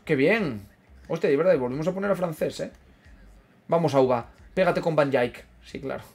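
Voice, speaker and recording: A man with an Asturian Spanish accent casually commentating his football video game. He swears freely, repeats himself and reacts loudly to every play. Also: a little high, moderate pace, slightly rough. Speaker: gaming streamer.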